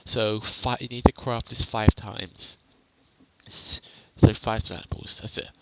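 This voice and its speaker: Young male gamer, gravelly, chatty home-recorded tutorial voice. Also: fairly low pitch, little pitch movement, slow pace, very noisy. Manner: rambling, self-correcting, chatty. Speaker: game tutorial narrator. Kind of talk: casual gameplay tutorial. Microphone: headset.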